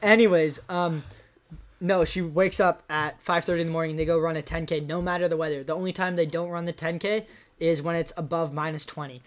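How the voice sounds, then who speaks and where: A young man hosting a casual podcast from a small studio, reading out listener questions in a relaxed way. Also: a little high, brisk. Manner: laid-back, reads out listener questions. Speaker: podcast host. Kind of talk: casual chat.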